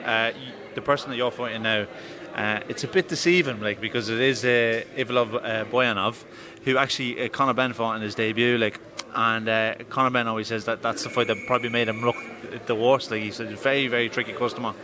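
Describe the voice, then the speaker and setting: A man's voice: mid-range voice, fairly even intonation, brisk, few pauses, a crowd in the background. A man with a west of Ireland Mayo accent, interviewing casually with hesitant, roundabout questions. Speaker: boxing interviewer. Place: indoors in a boxing gym. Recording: busy gym noise behind voice.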